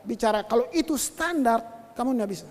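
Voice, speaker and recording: A male pastor preaching a sermon, telling stories in an animated way and addressing his listeners directly. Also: very high-pitched, fairly quick. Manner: animated storytelling, addresses listeners as brothers and sisters. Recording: long hall reverb.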